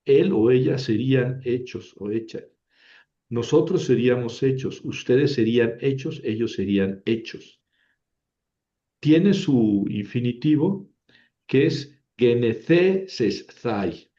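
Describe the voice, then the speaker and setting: Slow, patient male Greek teacher. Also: mid-range voice, expressive, dark tone, highs cut off. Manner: slow, patient, repeats each form and checks with "¿verdad?". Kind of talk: recorded grammar lesson.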